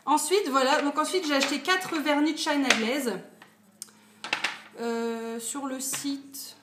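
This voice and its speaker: A young woman in her twenties talks through a beauty haul in a relaxed, chatty way, peppering her sentences with fillers. Her voice sits a little high, and the room around her is echoey with a faint hiss of noise. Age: 20s. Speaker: beauty vlogger. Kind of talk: casual haul video.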